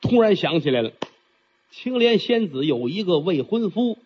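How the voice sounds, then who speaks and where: A man's voice: sits high, big pitch swings, normal speed, a little hiss or hum. A man performing traditional storytelling, theatrical and chatty, with frequent asides to the listener. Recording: dull lo-fi recording.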